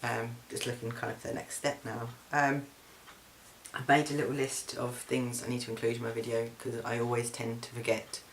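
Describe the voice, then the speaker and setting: In his flat, a young Englishman chats through a casual video diary in a mid-pitched, fairly flat voice, often saying "um" and restarting sentences. The low-quality recording carries a faint hiss.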